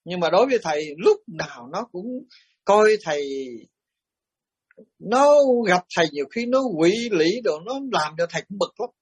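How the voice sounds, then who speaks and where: During a dharma talk, a middle-aged Buddhist monk tells stories animatedly, turning blunt whenever he acts out quoted exchanges. His fairly high voice has a husky edge and a moderate pace. The recording is close and dry, with little room sound and no echo.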